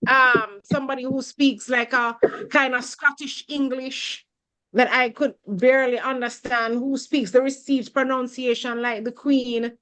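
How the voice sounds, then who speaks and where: A woman giving a webinar talk over a video call, deliberate and often repeating words as she finds her phrasing. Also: high voice, fairly even intonation, fairly bright tone, smooth, rough recording. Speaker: guest speaker. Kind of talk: webinar talk answering a question.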